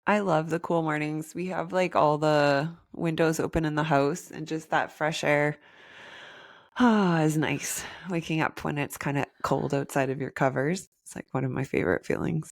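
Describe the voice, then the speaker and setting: A woman in her thirties co-hosting a podcast, chatting casually in a raspy, hoarse voice from a head cold. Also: low-pitched, fairly even intonation, normal speed, no echo, clean studio sound. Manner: chatty, upbeat, rambling. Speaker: podcast co-host. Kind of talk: casual chat.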